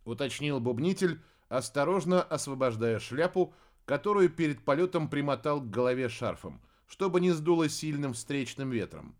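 A man reading a fairy-tale audiobook with expressive storytelling narration. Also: a little high, normal speed. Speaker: audiobook reader. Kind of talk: scripted narration.

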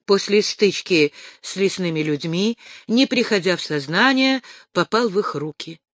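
Slow expressive audiobook narrator, lots of melody, dry close sound. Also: medium pitch, no echo. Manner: expressive storytelling. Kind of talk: scripted narration.

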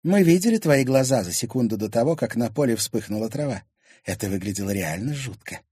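A man's voice: mid-range voice, expressive, a little fast, dark tone, husky, dry recording, studio quality, pitched above the performer's own voice. A man voicing a cheerful, self-assured young woman with a teasing manner. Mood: confident.

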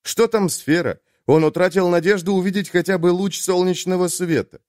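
A man's voice: high-pitched, fairly even intonation, moderate pace, a little mellow, dry recording, studio quality. A man reading an audiobook as its narrator, in a tense, dramatic manner. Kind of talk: scripted narration.

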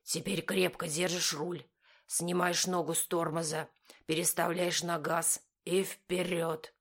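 A woman voicing a calm middle-aged man who gives patient, then firm, driving instructions. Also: on the low side, unhurried. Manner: steady, instructive, commanding.

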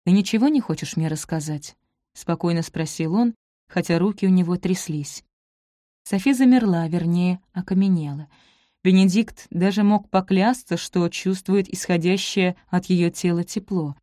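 A woman narrating a romance novel in a measured, expressive reading voice. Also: fairly low pitch, dry recording, studio quality. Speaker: audiobook narrator.

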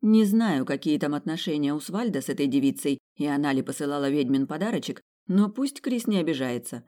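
A woman reads an audiobook aloud, telling a story in the first person. Her storytelling is wry and lively. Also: sits low, brisk. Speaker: audiobook reader. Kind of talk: first-person narration of a fantasy romance.

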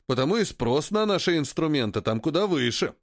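A man voicing a sturdy, stocky old male cart driver who talks calmly and sensibly. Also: on the high side, a little fast, dry recording, clean studio sound. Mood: lecturing. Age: older. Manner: calm, lecturing, wry.

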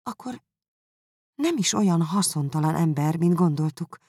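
A kind, gentle young woman speaks in a mildly raised, soft voice, as a male audiobook reader puts her on. The sound is dry and close, with a gravelly edge. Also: fairly high pitch, expressive, no echo, voice pushed up. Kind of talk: audiobook character reading.

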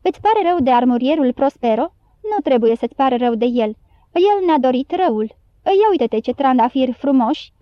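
A haughty rich countess lectures in a high, condescending tone, as a woman reads her in a storybook. The recording is dry and a little muffled, close to the mic. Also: expressive, no room sound. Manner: scolding, condescending.

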